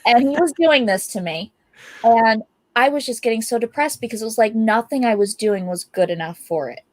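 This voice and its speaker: A young adult woman, a guest artist, telling animated and upbeat stories about her life in a casual interview. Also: on the high side, a little fast, dry recording.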